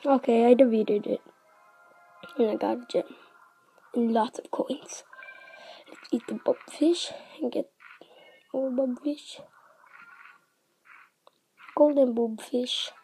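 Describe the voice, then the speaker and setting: A woman's voice: a little high, fairly even intonation, slow, long pauses, warm tone, husky, low-quality recording. A woman giving chatty let's-play commentary on a mobile game, narrating each move and often dropping to a half-whisper.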